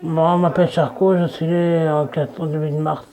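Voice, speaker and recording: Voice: medium pitch, flat delivery, moderate pace, dark tone, a little hiss or hum. A video creator giving a casual, rambling self-introduction to viewers as a DJ persona, often restarting sentences.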